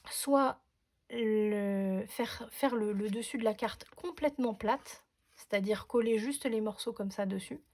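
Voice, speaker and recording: A woman's voice: fairly high pitch, a little mellow. A woman hosting a crafting tutorial, talking casually with lots of fillers and restarts. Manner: chatty, many fillers and restarts. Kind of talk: casual demonstration talk.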